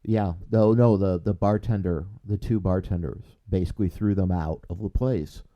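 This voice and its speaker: A man hosting a casual podcast, talking in a halting way with many restarts, growing more upbeat as he signs off. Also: low-pitched, fairly even intonation, dull audio. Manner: halting, many restarts and fillers, rising when signing off. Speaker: podcast host.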